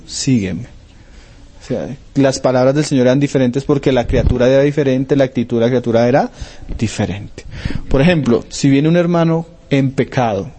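A man's voice: medium pitch, mellow. A man preaching a sermon in a conversational teaching manner, often stopping to ask his listeners if they follow. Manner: conversational, asks frequent checking questions.

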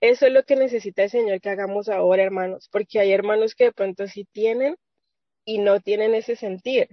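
A woman's voice: mid-range voice, steady tone, a little fast, no room sound. A woman sharing an earnest, rambling faith testimony with women of her church on a video call, with many restarts. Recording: dull lo-fi video call audio.

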